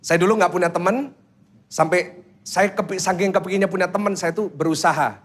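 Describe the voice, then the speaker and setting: A man preaching a sermon as pastor, telling stories, acting out children's voices, and quizzing the congregation with quick questions. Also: high-pitched. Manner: storytelling that acts out children's voices.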